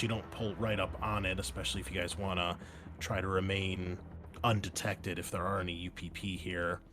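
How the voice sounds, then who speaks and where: A low-pitched, slightly bright male voice narrates as game master of a tabletop role-playing game. He describes the scene loosely, rambling a bit with many fillers.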